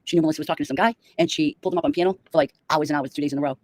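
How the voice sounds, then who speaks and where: A woman's voice: low-pitched, very fast, a little mellow. A middle-aged woman chatting casually and giving opinionated gossip on a livestream.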